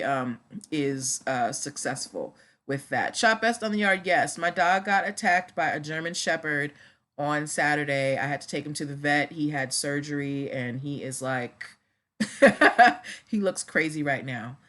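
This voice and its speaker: A woman hosting a casual livestream, chatting directly to viewers in a subdued manner, a little slowed after surgery. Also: sits low, a bit bright. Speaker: livestream host discussing trademarks.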